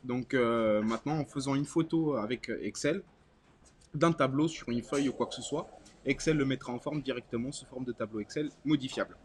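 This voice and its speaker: A man whose first language is Portuguese, with a medium-pitched voice. He co-hosts a live chat and explains things in a casual, conversational style. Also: a little fast, a little hiss or hum. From Portuguese-speaking country, moved to France at twelve. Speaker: co-host and community moderator.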